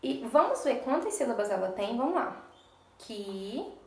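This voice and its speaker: Gravelly teacher woman in an echoey room. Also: high voice, big pitch swings, brisk, recorded from a distance. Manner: patient, explains step by step, checks often with "tá?" and "ok?". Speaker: primary school teacher. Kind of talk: recorded remote class for young children.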